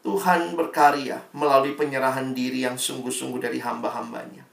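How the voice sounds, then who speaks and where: Animated male preacher in an echoey hall. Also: mid-range voice, fairly quick, gravelly. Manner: animated, acts out quoted voices. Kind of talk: sermon. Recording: echoey room, distant mic.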